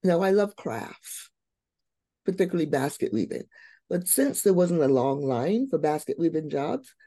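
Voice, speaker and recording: An older woman from Barbados, a guest on a radio interview, telling her story in a lively, humorous way. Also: low-pitched, normal speed, dry recording. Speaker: guest, brain and behavior coach.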